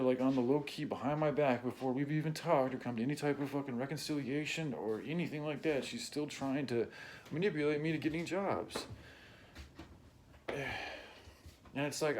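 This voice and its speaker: A man's voice: mid-range voice, moderate pace, slight background noise. Emotional man ranting, swearing hard. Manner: blunt and heavily profane, keeps clearing his throat. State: emotional, close to tears. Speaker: vlogger. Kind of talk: unscripted personal rant to camera.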